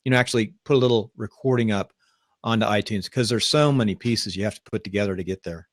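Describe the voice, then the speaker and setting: A man hosting a live online talk show, chatting casually in a rambling, upbeat way and pitching his ideas to guests. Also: quick pace, dry recording. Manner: rambling, upbeat, self-promoting. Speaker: podcast host. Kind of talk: casual live-stream chat.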